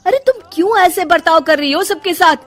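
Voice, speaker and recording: A woman's voice: very high voice, a little fast, a bit bright, soft background music. A woman voicing a concerned young husband in a cartoon story, pleading with his wife. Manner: questioning, pleading. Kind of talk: cartoon voice acting.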